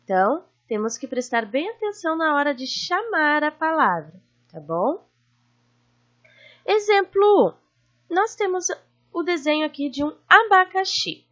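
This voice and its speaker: A Brazilian woman teacher giving a recorded lesson to children, drawing out syllables slowly and checking in with her pupils. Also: high-pitched, very animated, highs cut off. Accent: Brazilian Portuguese. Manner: slow, drawn-out stressing of syllables; warm teacherly questions to pupils.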